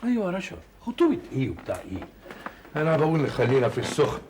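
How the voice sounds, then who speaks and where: A man's voice: a little high, huge pitch swings, racing. A fussy old Egyptian grandfather. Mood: bossy. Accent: Egyptian Arabic. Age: older. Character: fussy old grandfather, head of a wealthy household. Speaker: grandfather in a stage comedy. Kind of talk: classic Egyptian stage comedy acting. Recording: noisy old archive TV recording.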